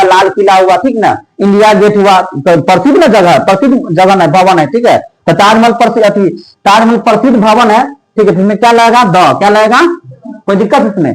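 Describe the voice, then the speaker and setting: Man teacher, high voice, drills exam grammar, keeps checking "theek hai" and firing quiz questions. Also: poor audio. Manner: repeats "theek hai" often and quizzes the listener with rhetorical questions. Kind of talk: exam-prep grammar lesson.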